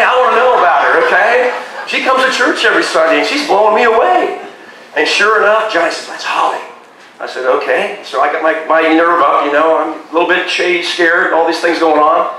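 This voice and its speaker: A middle-aged man giving an excitable personal testimony at a beachside church service, tagging many phrases with "okay?". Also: sits high, slight background noise. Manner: excitable, keeps asking "okay?". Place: beach bar lounge, open-air service. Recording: echoey live sound from a distance.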